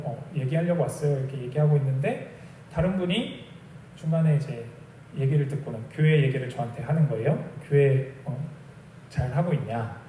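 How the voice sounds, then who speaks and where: A man's voice: a little high, warm tone, echoey room, distant mic, a little hiss or hum. A young adult man preaching a sermon as a pastor, telling a personal story in a conversational way and acting out bits of dialogue. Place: small church sanctuary.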